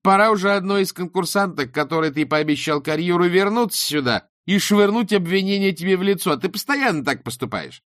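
A man voicing a shrill, pushy female TV show judge who screeches at everyone. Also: huge pitch swings, very slow, vocal fry, few pauses, a little mellow, no room sound, studio quality, full character voice. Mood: furious. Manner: screechy, brash, aggressive.

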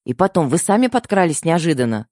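A man's voice: a little high, very animated, fast talker, darkish tone, dry recording, studio quality, pitched above the performer's own voice. A man voicing a flustered young heroine. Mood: pleading. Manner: blurting, breathless pleading.

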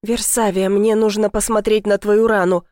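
A woman narrator voicing a protective husband who speaks quietly and soothingly. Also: mid-range voice, little pitch movement, normal speed, no echo, studio quality, lightly acted. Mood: tender.

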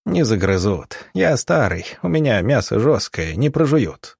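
A man voicing a gruff aging army lieutenant. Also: mid-range voice, big pitch swings, unhurried, darkish tone, dry recording, clean studio sound, heavily acted. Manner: hoarse, clipped, barking.

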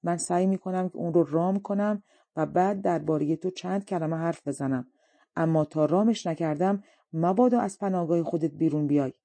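A woman's voice: fairly low pitch, warm tone, no echo, lightly acted. A woman voicing the dragon king's anxious young wife in an audiobook story. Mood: urgent.

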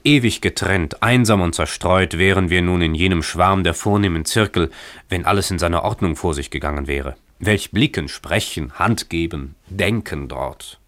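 A man's voice: low voice, a bit bright, no echo. A man voicing a cheerful, playful young husband, speaking in an exuberant, mock-grand tone in a radio story reading.

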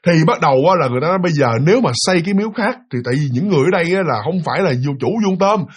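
Man, casual ghost-story telling, quick pace, high voice, talks straight to listeners. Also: breathy edge. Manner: animated, repeats words, addresses listeners directly.

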